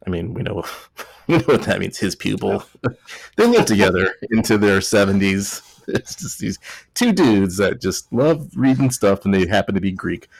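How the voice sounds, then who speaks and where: A Texan man hosting a podcast, tipsy from a few beers, jokes and rambles casually, fixing his own mistakes as he goes. His creaky voice sits on the low side, with lively intonation and normal speed. The recording is dry and the audio is poor.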